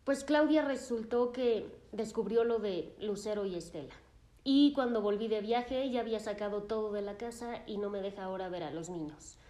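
A woman voicing a distraught grown man, an anxious therapy patient who talks in a halting, self-blaming way. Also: mid-range voice, mellow, echoey room, natural voice. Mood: distressed.

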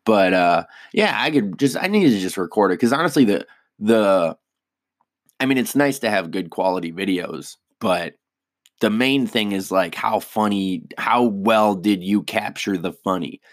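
Rambling, profane young-sounding comic, low voice. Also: male voice, animated, a little slow, no room sound, studio quality. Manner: rambling, profane, self-deprecating. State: hiccups. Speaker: stand-up comedian. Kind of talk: casual solo podcast chat.

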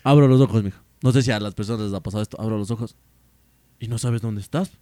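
A man's voice: fairly low pitch, fast, no echo. A young man telling a rambling story in a casual podcast chat, full of slang. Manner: rambling, slangy, animated storyteller who keeps saying "loco" and "mija". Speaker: podcast co-host.

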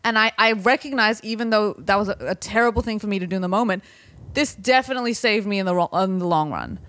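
A woman's voice: medium pitch, fast, fairly bright tone. A woman in a casual conversation, talking earnestly and hesitantly with many restarts. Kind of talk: casual conversation about philosophy.

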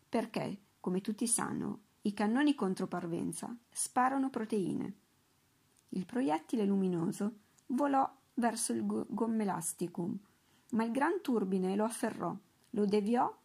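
A woman narrating an audiobook, lively storytelling with occasional slips. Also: mid-range voice, creaky, husky. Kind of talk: audiobook reading.

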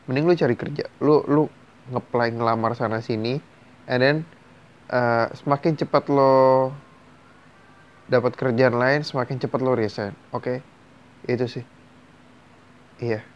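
Male host, mid-pitched, frank casual advice, slightly dull lo-fi sound. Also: steady tone, unhurried, pauses often. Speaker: host reading and answering viewers' stories.

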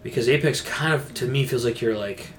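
A man with a medium-pitched voice talks fairly quickly, with a little hiss or hum in the audio. He co-hosts a podcast and chats casually about games, rambling along in informal gamer slang.

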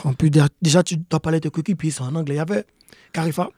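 Fast-talking young man, earnest. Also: fairly high pitch, fairly even intonation, a little mellow, no echo, studio quality. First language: not English. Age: young adult. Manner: repeats key points, earnest. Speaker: guest, pro soccer player. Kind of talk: casual interview talk.

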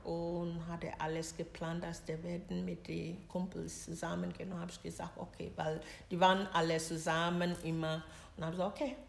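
Middle-aged woman from Ghana, slightly low voice, broken halting German, roomy recording. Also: level tone, creaky. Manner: halting, broken German with many pauses and fillers. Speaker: interviewee, mother of the host. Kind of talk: personal story told in conversation. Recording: roomy echo with faint noise.

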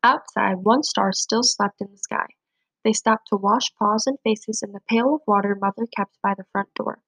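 A woman reads a children's storybook aloud with a gentle, steady storytelling manner. Her voice sits at a mid height. The recording is dry and close, with no room echo. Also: medium pitch, normal speed. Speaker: storybook reader. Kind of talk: reading a children's picture book aloud.

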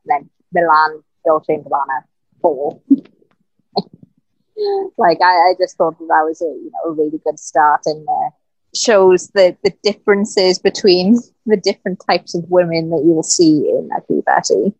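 A woman's voice: deep voice, expressive, normal speed, creaky, no room sound, rough recording. A woman co-hosting a podcast, chatting casually and laughing often as she reads out favourite quotes. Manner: giggly, reads out quotes from notes. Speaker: podcast co-host. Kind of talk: casual chat.

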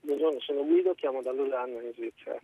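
A man's voice: mid-range voice, fast talker, background noise. A man calling in to a radio talk show over the phone, arguing his point earnestly and methodically. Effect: phone line. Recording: tinny phone line, husky.

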